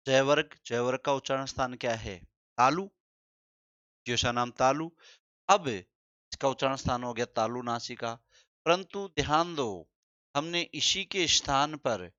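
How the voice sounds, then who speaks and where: A man's voice: medium pitch, a bit bright, dry recording. A man teaching a Hindi grammar lesson, repeating key terms and quizzing his listeners. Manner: drawn-out, deliberate delivery. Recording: slightly dull, dry sound.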